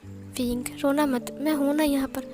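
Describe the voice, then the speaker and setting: A woman voicing a devoted young man who pleads softly with his beloved in a read-aloud story. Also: high voice, fairly even intonation, measured pace, music in the background. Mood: tender.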